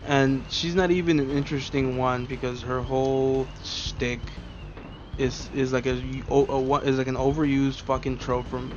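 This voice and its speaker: A man's voice: mid-range voice, muffled recording, a little hiss or hum. A man hosting a let's play, rambling and swearing freely as he gets frustrated with the game. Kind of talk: casual gameplay commentary.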